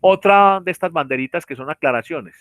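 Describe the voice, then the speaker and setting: A man's voice: a little high, animated, brisk, fairly bright tone, no room sound. A man teaching a virtual class, explaining step by step with many fillers and tag questions. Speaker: university lecturer. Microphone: computer mic on a video call.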